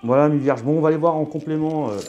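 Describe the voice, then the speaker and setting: A man's voice: on the high side, steady tone, very fast, darkish tone, lo-fi sound, slight background noise. A man with a Southern French accent giving a casual astrology card reading, full of fillers and restarts. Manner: hesitant, many fillers and restarts. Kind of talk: casual tarot reading to camera.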